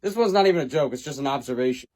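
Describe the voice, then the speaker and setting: A man delivering scripted short comedy sketches in a deadpan way as a sketch creator. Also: medium pitch, rapid-fire.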